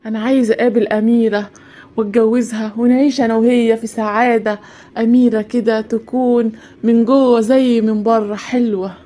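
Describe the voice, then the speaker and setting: Cartoon dub lead: a woman doing a nervous young man with an Egyptian Arabic accent, rapid and a touch high. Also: fairly even intonation, warm tone, lightly acted. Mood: curious. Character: young man who finds a magic lamp, nervous.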